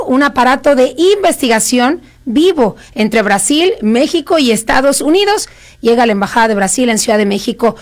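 A woman interviewing a guest artist, affirming and repeating her questions. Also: high-pitched. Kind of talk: event interview.

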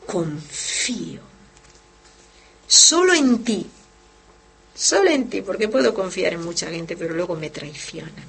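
Hosting a devotional program from Barcelona, where she lives, a woman who is a religious sister teaches with fervor, addresses her listeners directly and reads out their letters. Her voice is mid-range, with vocal fry and a breathy edge.

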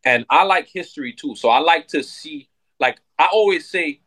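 A man, a soca artist chatting casually in an interview, relaxed and full of fillers. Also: a little high, moderate pace, dry recording, poor audio. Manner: relaxed, laid-back, many fillers like "like" and "you know what I mean".

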